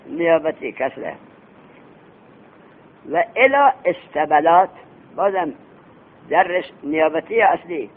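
A man teaching Arabic grammar in a classroom lecture. He quizzes his students with questions he answers himself and chants the Arabic text slowly before explaining it. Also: fairly high pitch. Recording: tinny phone-like recording with faint hiss.

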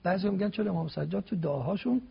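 High gravelly husky man preaching. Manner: emphatic, builds points step by step with rhetorical questions. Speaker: religious guest speaker. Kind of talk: preaching talk on a TV program. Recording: dull lo-fi broadcast sound.

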